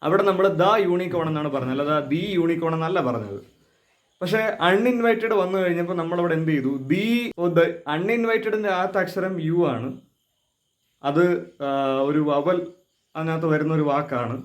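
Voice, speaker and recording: A man's voice: fairly high pitch, expressive, moderate pace, pauses often. A man teaching English pronunciation, explaining step by step and often asking questions before giving the answer. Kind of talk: explaining lesson.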